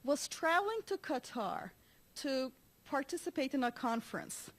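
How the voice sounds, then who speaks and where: High-voiced animated woman giving a talk. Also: moderate pace. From Turkey. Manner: animated storyteller with frequent laughs and restarts. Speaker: conference speaker. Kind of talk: conference talk.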